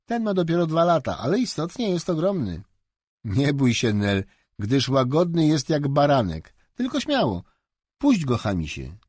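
A man reading aloud and voicing a kindly middle-aged father who explains patiently and reassures, slightly higher than his narration. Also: sing-song, moderate pace, a little mellow, breathy edge, no room sound, studio quality. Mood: reassuring.

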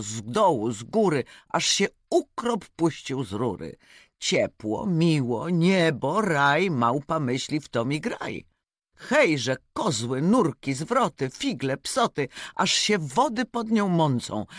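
A reader reciting rhyming fables aloud in an expressive, rhythmic way. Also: medium pitch, no room sound, clean studio sound. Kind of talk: reading verse fables aloud.

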